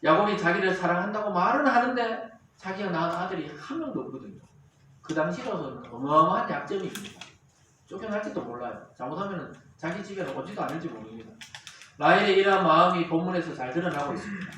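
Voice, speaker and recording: A man preaches in a lively, rising and falling voice pitched somewhat high. He is heard from a distance in a very echoey church hall with faint noise. He acts out the quarrels in character voices. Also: fast talker. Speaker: pastor. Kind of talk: sermon. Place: church sanctuary.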